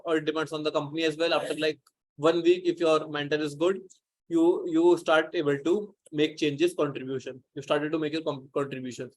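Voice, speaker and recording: A man teaching a live class over a video call, his pitch a little high but held fairly flat. He rambles through his explanation and keeps restarting sentences as he talks it through. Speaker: instructor. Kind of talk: live online lecture.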